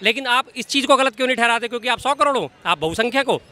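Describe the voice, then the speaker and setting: Forceful fast-talking man arguing heatedly. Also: very high-pitched, expressive. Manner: forceful, repetitive, lecturing. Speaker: interviewee in street debate. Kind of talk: heated street debate.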